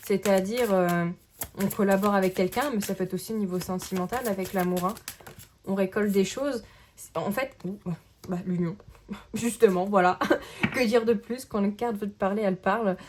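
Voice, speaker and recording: A woman giving a casual tarot card reading to camera, in a gentle, searching way that keeps checking in with the listener. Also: medium pitch, moderate pace, long pauses, slight background noise.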